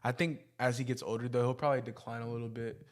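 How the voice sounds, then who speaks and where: A man's voice: medium pitch, little pitch movement, fast talker. A man hosting a sports podcast, giving his opinions in casual, conversational, slangy talk.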